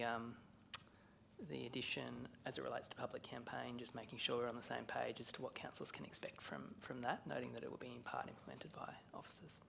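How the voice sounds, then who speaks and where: A man's voice: mid-range voice, creaky, a bit bright, slight background noise. An Australian man, the mayor, chairing a council meeting in brief, procedural phrases.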